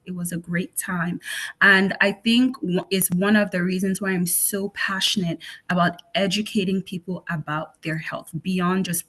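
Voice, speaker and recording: A woman from Cameroon, a physician, presenting an online health session in a measured, explanatory way with some ums and restarts. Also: fairly low pitch, a bit bright.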